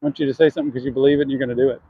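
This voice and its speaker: A man's voice: medium pitch, level tone, rapid-fire, husky, dull audio. A man chatting earnestly to his viewers while walking down city streets, answering questions from chat.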